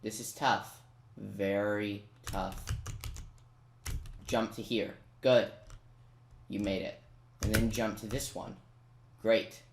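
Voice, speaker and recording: In a noisy, echoey recording full of keyboard clicks, a person walks viewers through a game step by step, casual and chatty. The voice sits low, with fairly even intonation, slow delivery and long pauses.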